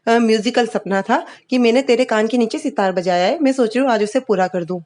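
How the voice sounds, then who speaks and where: A sharp-tongued elderly grandmother scolds and threatens, as a woman reads her lines. The voice is slightly high and plain. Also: brisk, natural voice. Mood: scolding.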